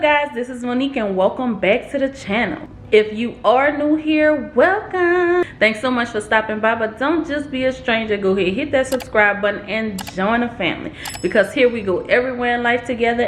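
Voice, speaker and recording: A young woman vlogger telling a story in a casual, animated, expressive way. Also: on the high side, normal speed, hardly any pauses. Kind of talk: storytime vlog. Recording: roomy echo.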